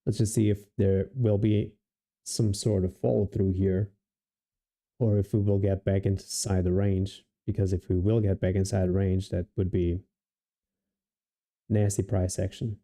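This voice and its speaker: Portuguese-accented man, low voice, very dark tone, relaxed trading commentary, restarts often. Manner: unhurried, thinking aloud with many restarts and fillers. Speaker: day trader streaming live.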